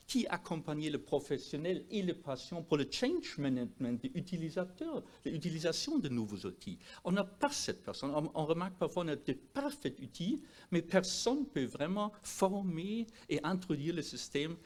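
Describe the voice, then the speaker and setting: A man with a foreign accent, a non-native speaker of French, giving a presentation as a doctor, emphatic and sometimes halting as he searches for words. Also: fairly high pitch, big pitch swings, darkish tone. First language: not French. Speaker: doctor presenting at a health conference. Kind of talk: presentation to an audience.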